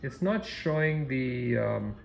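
Gravelly man demoing gear in a hotel room. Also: medium pitch, animated. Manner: halting, many ums and uhs, step-by-step. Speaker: product demonstrator. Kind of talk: casual off-the-cuff demo narration. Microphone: phone camera filming a TV screen, voice off camera.

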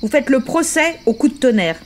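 Audiobook role: a fierce dying old revolutionary man, read by a woman, accusing and impassioned, with a fairly high voice. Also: big pitch swings, moderate pace.

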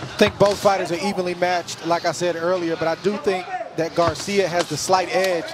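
A man's voice: high voice, level tone, moderate pace. A man giving conversational boxing analysis as part of a broadcast commentary team.

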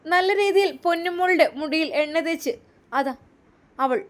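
A woman with a Malappuram accent tells a story in an animated, dramatic way. Her voice sits high. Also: normal speed. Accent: Malappuram Malayalam. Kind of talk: scripted story narration.

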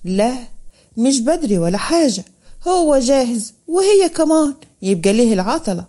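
A woman's voice: a little high, very animated, moderate pace, dark tone. A woman voicing a firm, decisive older father from who arranges his son's marriage.

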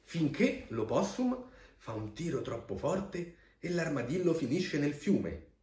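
Animated man reading a storybook aloud. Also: a little high. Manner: expressive, gentle storytelling with pauses for a child. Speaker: storybook reader. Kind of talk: reading a picture book aloud to a child. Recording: echoey room.

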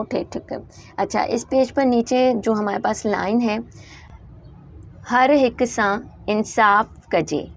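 A woman who teaches letters patiently. She repeats word lists slowly and often pauses with "uh" between phrases. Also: mid-range voice, darkish tone, slight background noise. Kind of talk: patient language lesson.

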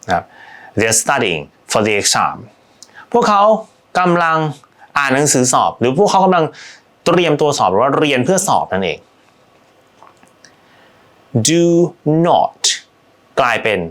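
A man teaching English as a tutor, chatting straight to his students and slowing right down to model example sentences. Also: fairly high pitch, sing-song, a bit bright. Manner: chatty, addresses students directly. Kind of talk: language lesson.

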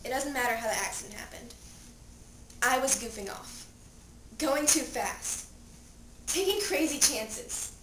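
Playing a dead seventeen-year-old girl telling her own story, a young woman delivers a high-voiced dramatic monologue that is theatrical and anguished, shifting between hushed memories and desperate pleas. She's unhurried, with long pauses, and the mood is tense and grim. The echoey room is noisy, and the mic sits far off.

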